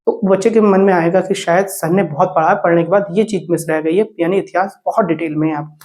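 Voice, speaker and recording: A man lecturing fast and earnestly, his voice sitting high. He drops in English terms and keeps checking in with short confirmations. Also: steady tone, darkish tone. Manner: rapid, repetitive, peppered with "theek"; mixes Hindi with English words. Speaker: teacher. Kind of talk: exam coaching talk.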